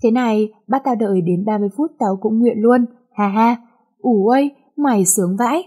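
A woman's voice: a little high, moderate pace, warm tone, breathy edge. A woman reading the lines of a young female classmate who jokes enviously. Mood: joking. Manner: joking, envious.

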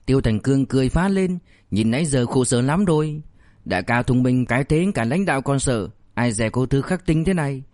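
A male audiobook narrator with a mid-pitched voice, reading a novel in a steady storytelling manner. The recording is dry and close, with no room sound at all. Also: fairly quick, dry recording. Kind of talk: scripted narration.

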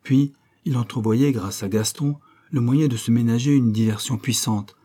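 Audiobook narrator: a man with a dark, mellow tone, measured scripted reading at a mid pitch.

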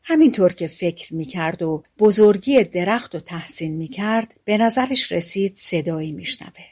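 A woman narrating a fairy-tale audiobook in a calm, colloquial storytelling manner. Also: medium pitch, slightly rough.

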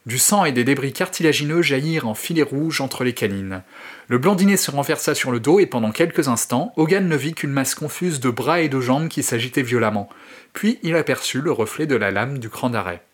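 A man and host narrating a horror short story in an expressive, theatrical way. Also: mid-range voice, fairly quick. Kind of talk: dramatic reading of a horror story.

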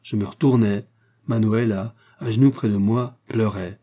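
Husky-voiced man reading a story. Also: lowish voice, steady tone, moderate pace, warm tone. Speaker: audiobook narrator. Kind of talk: literary audiobook narration.

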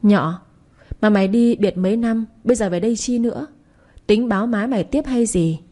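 A woman's voice: medium pitch, normal speed, warm tone, close to an everyday voice. A woman voicing a battered, spiteful young man who taunts and mocks. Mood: mocking. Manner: mocking and taunting.

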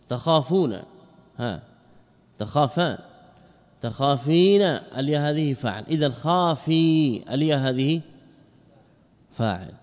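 A man at a mid pitch lecturing a class on grammar. He keeps firing short questions at his students, often answering them himself, and slowly drawls out each example word. His voice rings with the long reverb of a large lecture hall. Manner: drills word forms slowly, stretching examples. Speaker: Islamic scholar teaching Arabic grammar.

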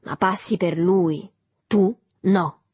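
A woman's voice: lowish voice, fairly even intonation, slow, darkish tone, breathy edge, dry recording. A woman reading a novel aloud, voicing a cold, curt, unfriendly woman guarding a door. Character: cold, hostile woman doorkeeper.

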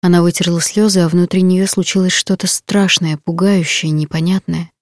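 A woman reading a novel aloud in an even, intimate storytelling manner. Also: on the low side, normal speed, no echo, clean studio sound. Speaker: audiobook narrator. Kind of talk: scripted audiobook narration.

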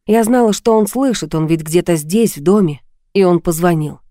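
Woman narrator, first-person audiobook, mellow and close, dry booth sound. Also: lowish voice, normal speed, dry recording. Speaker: audiobook reader.

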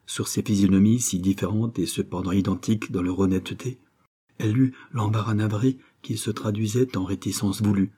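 A man narrating a nineteenth-century novel in a measured, dramatic storytelling manner. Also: fairly low pitch, steady tone, mellow, husky. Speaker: audiobook narrator. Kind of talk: literary narration.

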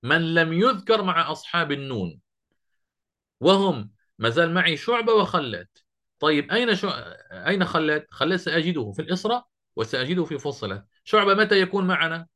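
Bright-voiced man teaching a class. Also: on the high side, sing-song. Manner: questioning students, drawn-out quoting of verse. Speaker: Quran recitation teacher. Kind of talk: classroom lesson.

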